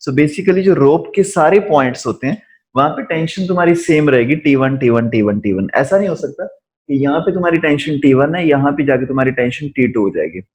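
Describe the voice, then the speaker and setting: A man teaching physics in a live online class, speaking deliberately slowly and often checking in with his students. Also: on the high side, darkish tone. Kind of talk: live online lesson, mixing Hindi and English.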